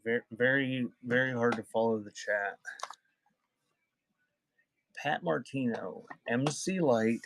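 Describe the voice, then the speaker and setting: This live-stream auction seller of vintage music has a medium-pitched, gravelly, slightly bright voice and talks slowly with frequent pauses in a dry recording. He reads out items and chats casually, greeting chat viewers by name.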